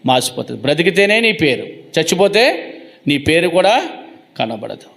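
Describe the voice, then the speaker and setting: A male pastor preaches to his congregation in a high voice. He puts questions to his listeners and answers them himself. He slips into different voices to act out the people in the story. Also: sing-song, normal speed, gravelly, a bit bright. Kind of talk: sermon.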